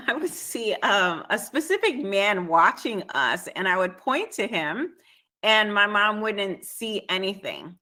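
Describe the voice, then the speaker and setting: A woman from Trinidad, a spiritual alignment coach, answering interview questions in a measured way with frequent ums. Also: medium pitch, pushed and bright. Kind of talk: podcast guest interview.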